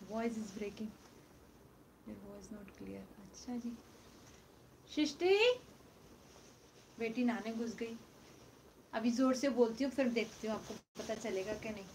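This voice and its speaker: A middle-aged woman selling used silk sarees on a live stream from home, speaking loudly into her phone and repeating the prices. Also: a little high, slow, long pauses, slight background noise. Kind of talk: live-stream sales chat. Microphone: phone mic, no external microphone.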